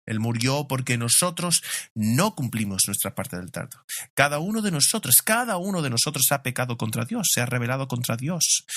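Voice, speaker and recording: A middle-aged male pastor delivers a sermon in an easy, conversational manner, mixing rhetorical questions with personal stories. His voice sits at an ordinary pitch for a man. The recording is close and dry, with little room sound. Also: fairly bright tone, no room sound.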